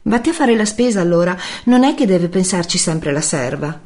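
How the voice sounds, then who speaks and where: A man putting on a high, snapping, combative woman. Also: animated, normal speed. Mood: irritated. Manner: scolding, snapping, shouts when angry. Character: sharp-tongued quarrelsome woman, a divorced mother. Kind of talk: audiobook reading.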